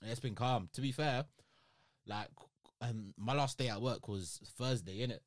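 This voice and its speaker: Young london guy, roadman accent, slangy casual chat, repeats himself, middling pitch. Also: unhurried, no room sound, studio quality. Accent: London, urban street slang.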